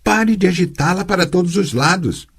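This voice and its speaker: A man voicing a patient, teasing sorceress who tutors a girl, speaking calmly and gently chiding in an audiobook. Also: sits high, moderate pace, breathy edge, pitched above the performer's own voice. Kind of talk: audiobook character voice.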